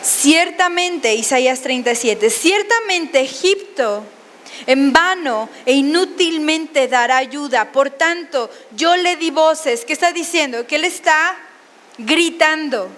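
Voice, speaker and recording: A woman preaching a sermon, animated and often questioning the congregation. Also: sits high, takes it slowly, big-room sound.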